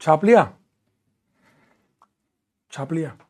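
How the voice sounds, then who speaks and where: A man's voice: on the high side, expressive, extremely slow. A young man teaching a live online class from a room at home, chatty and teasing as he answers students. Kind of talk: casual live class banter.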